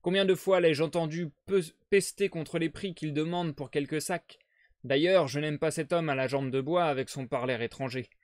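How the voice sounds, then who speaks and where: A man voicing a vigorous, worried boatman's wife and mother, in a loud, high, pleading voice. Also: moderate pace, no room sound, clean studio sound, close to an everyday voice.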